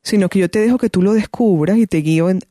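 Mellow-voiced woman giving parenting advice. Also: medium pitch, fast talker, no echo, clean studio sound. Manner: thoughtful, many restarts and fillers. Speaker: parenting guest speaker. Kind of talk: conversational advice.

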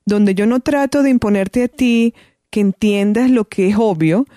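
Woman, warm mellow tone, dry close sound, conversational advice. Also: medium pitch, normal speed, no room sound. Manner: thoughtful, many restarts and fillers. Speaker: parenting guest speaker.

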